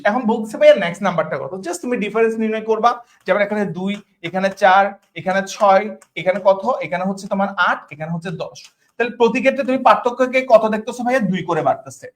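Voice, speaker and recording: A man with a Bangladeshi Bengali accent teaching an online class. He talks colloquially to his students, repeats each question, checks in with them all the time, and mixes English words into his Bengali. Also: sits high. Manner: addresses students as brothers, colloquial. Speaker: tutor.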